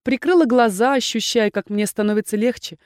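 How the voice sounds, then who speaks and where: A woman narrating a first-person audiobook in a lively, expressive way. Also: a little high, fairly quick, dry recording, clean studio sound.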